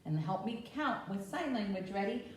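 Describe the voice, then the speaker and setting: Her mid-range voice is very animated and moves at a normal speed as she reads to children, teaching through simple explanations and frequent questions. The room echoes heavily, the microphone sits far away, and there's a faint hiss or hum.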